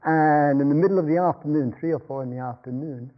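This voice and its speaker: A man's voice: a little high, fast, slight background noise. Older guy meditation teacher, rambly storytelling, chuckles a lot, kinda dull lo-fi recording. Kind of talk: dharma talk with anecdotes.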